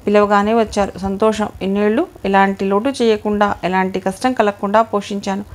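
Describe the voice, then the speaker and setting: A woman's voice: mid-range voice, level tone, a little fast, lightly acted. A woman voicing a callous, wealthy older father in an audio novel, cold and mocking.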